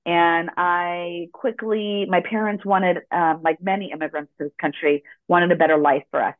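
Speaking over a dry, tinny phone line with no echo, a middle-aged American-born woman recounts her story earnestly and reflectively as an interview guest. Her pitch is fairly low, her intonation fairly even, and her pace moderate.

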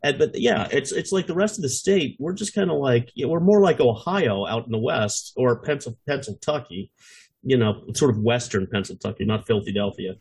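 Upstate New York man, husky mid-range voice, wry, rambling conversational delivery. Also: mid-range voice, lively intonation, normal speed, darkish tone. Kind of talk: casual political chat.

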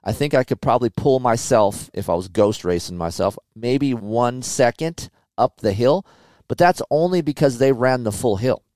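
A man's voice: medium pitch, expressive, moderate pace, a little mellow, dry recording. Blunt, swearing middle-aged man. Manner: blunt, profane, conversational. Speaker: podcast host and motocross tester. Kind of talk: casual chat.

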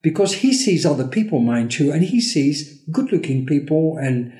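A man co-hosting a podcast, slowly telling a parable and acting out the characters' lines. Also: a little high, lively intonation, mellow, roomy sound. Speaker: podcast co-host. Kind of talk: storytelling in a podcast conversation.

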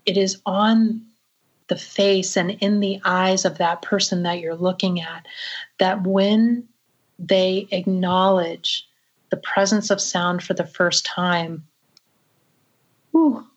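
A woman's voice: on the low side, steady tone, slow, highs cut off. A woman audiologist telling a story in an interview, earnest and reflective, with frequent "you know" fillers.

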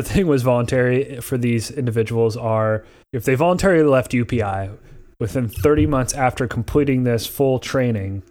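A man with a mid-range, somewhat dark voice co-hosts a podcast while recording on an airplane. His explanations ramble loosely and stay conversational and casual.

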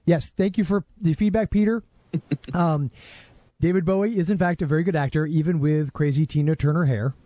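A podcast co-host reads listener feedback in a casual, jokey chat, often interrupting himself and laughing readily. His voice is on the high side and mellow, with no echo.

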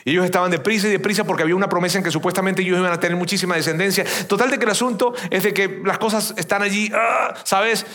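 High-voiced pastor chatting through a sermon. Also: male voice, fairly even intonation, very fast, few pauses, fairly bright tone. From Venezuela. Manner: chatty, repeats words, keeps asking the congregation "you know?". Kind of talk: conversational sermon. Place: church before a congregation.

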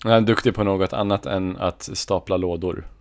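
Podcast dude, lowish voice, laid back, thinking out loud about a movie. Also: male voice, steady tone, no echo, studio quality. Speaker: podcast co-host. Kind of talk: casual film discussion.

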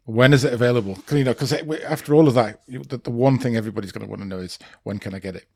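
A man's voice: medium pitch, very fast, vocal fry, dry recording. A man hosting a conversational interview podcast, thinking aloud and rephrasing as he goes. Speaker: podcast host.

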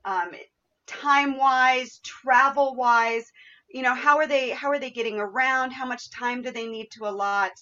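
A woman's voice: sits high, fairly even intonation, a little slow, pushed and bright, highs cut off. A woman hosting a podcast interview in a conversational, effusive and appreciative way. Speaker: podcast host.

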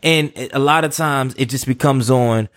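A man's voice: medium pitch, normal speed, no echo. Guy hosting a podcast, dry close sound, rambles and restarts a lot, medium voice. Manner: rambling, many restarts and asides. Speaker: podcast host. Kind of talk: casual interview talk.

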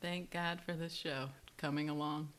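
Low bright-toned playful woman. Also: level tone, normal speed, clean tone. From south side of Chicago. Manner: playful, joking. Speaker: podcast guest, TV comedy writer. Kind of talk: casual podcast chat.

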